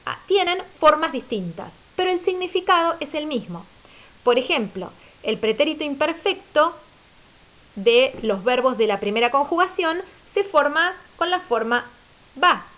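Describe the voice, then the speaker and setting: A woman teacher giving a recorded grammar lecture, explaining patiently and asking rhetorical questions. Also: sits high. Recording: dull lo-fi audio.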